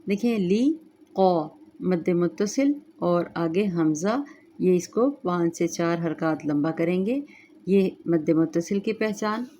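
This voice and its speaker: A woman teaching Quran recitation rules, chanting verses slowly and then explaining each rule calmly, with an Urdu accent. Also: on the low side, a little hiss or hum. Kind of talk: tajweed lesson, slow recitation then explanation.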